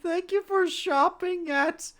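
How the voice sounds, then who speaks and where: A man's voice: very high voice, slow, bright, forceful tone, pitched above the performer's own voice, exaggerated voice. A man voicing a very nervous little gnome shopkeeper in a tabletop game, stammering and hesitant. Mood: timid, anxious.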